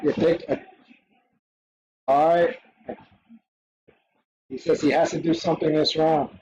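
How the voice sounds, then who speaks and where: Excitable man reacting to a fight. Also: fairly high pitch, slow, highs cut off. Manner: excitable, swears freely, reacts in short bursts. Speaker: live stream host reacting to a fight. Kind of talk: casual live watch-along commentary.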